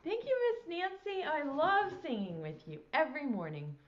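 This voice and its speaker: A middle-aged preschool teacher leads a nursery-rhyme lesson during children's circle time on a small indoor classroom set, broad, singsong, and theatrical. Her high voice swoops wildly in pitch at a normal speed, and the lapel mic gives a dull sound.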